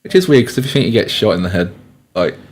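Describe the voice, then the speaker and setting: A man's voice: lowish voice, lively intonation, quick pace. A young man co-presenting a radio science show, explaining loosely with lots of fillers and restarts. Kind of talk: casual science chat.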